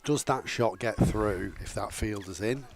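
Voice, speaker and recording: A man's voice: on the low side, measured pace. A man with a Northern English accent giving live cricket commentary outdoors under a gazebo, jokey and self-deprecating.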